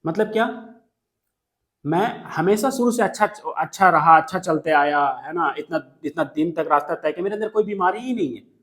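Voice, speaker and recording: With a fairly high pitch and a fairly bright tone, a man speaks at normal speed in a classroom lecture. As a literature teacher, he explains a poem line by line in mixed Hindi and English, repeating key lines and checking that everyone follows.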